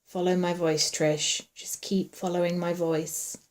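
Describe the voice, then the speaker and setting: A woman's voice: lowish voice, level tone, measured pace, lightly acted. A woman voicing a tense young male cop who barks urgent orders. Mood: urging. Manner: urgent, loud, barked orders.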